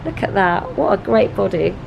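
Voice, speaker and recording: A woman's voice: mid-range voice, lively intonation, normal speed, creaky. A woman in her forties interviewing friends in a casual vlog, upbeat and encouraging. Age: 40s. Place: train, then hotel room. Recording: background noise.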